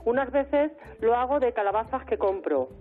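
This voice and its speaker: A woman's voice: a little high, lively intonation, normal speed. A woman calling in live over the phone, asking a question hesitantly and repeating words as she goes. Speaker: caller. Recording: tinny phone line.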